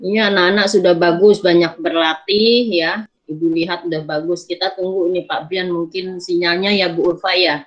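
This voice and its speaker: A woman teacher calmly reassuring her pupils during an online class. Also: on the low side, moderate pace. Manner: calm, reassuring. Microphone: video call. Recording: dull lo-fi video call audio.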